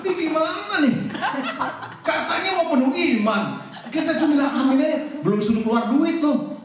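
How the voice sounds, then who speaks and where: A man preaching a sermon as pastor, animated and joking with his congregation. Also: very high-pitched, brisk, far from the mic, background noise. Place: church hall. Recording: echoey church hall, mic off. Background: congregation responding.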